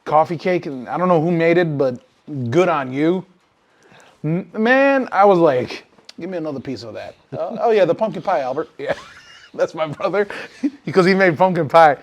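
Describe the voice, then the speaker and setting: On a lo-fi recording, a man with a fairly high voice speaks at a moderate pace as a podcast co-host. He wanders loosely from story to story in casual conversation, swears frequently, and turns animated in the telling.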